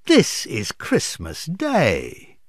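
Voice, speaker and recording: A man reading aloud voices a gentle, timid poor clerk and father, speaking softly and pleadingly. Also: medium pitch, huge pitch swings, extremely slow, dry recording, clean studio sound, exaggerated voice.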